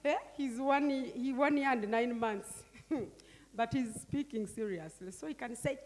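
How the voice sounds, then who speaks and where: A woman's voice: on the high side, unhurried, darkish tone. An older woman leading a group workshop, coaxing and directing people with frequent questioning tags. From Uganda. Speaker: workshop facilitator. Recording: long hall reverb.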